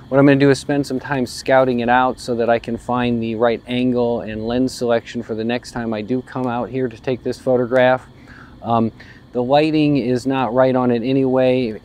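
A man's voice: medium pitch, darkish tone. A man in his forties, a photographer, explaining his work casually while standing outdoors on a rural roadside, thinking aloud with many ums and restarts. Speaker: photographer vlogger.

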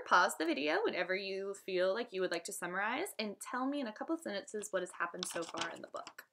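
A woman teacher reads a children's book aloud to her students in a mid-range voice. She brings lively expression to it and gives the dialogue its own voices.

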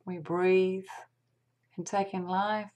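This woman leads a guided meditation at medium pitch, her voice barely rising or falling. She speaks softly and breathily, almost whispering, taking her time and leaving long pauses.

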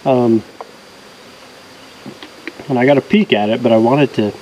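A man in his thirties talking casually to a camera outdoors, halting and understated. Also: medium pitch, darkish tone, a little hiss or hum, low-quality recording. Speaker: solo outdoor vlogger. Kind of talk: low-key casual talk to camera. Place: outdoors in a rocky desert canyon.

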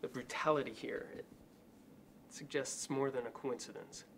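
A man's voice: mid-range voice, steady tone, normal speed, slight background noise, natural voice. Precise crime-scene doctor in noir film, man acting. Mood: clinical. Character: fussy, hesitant male crime-scene doctor.

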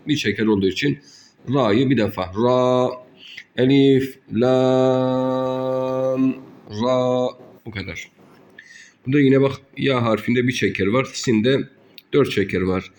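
A man teaching Quran reading, drawing out each word slowly between quick explanations. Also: medium pitch. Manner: slow drawn-out recitation between quick explanations. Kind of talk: recitation lesson.

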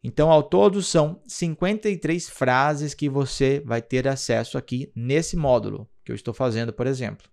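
A man's voice: mid-range voice, normal speed, creaky, hardly any pauses, a little mellow. A man with a Brazilian Portuguese accent, an English teacher walking viewers through an app in a screen-recorded tutorial, patient and explanatory, often checking in with the listener.

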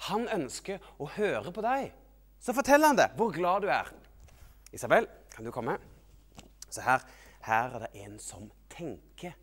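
Lively man telling children a Bible story. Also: on the high side, pauses often. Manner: animated, playful storytelling. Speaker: children's TV host.

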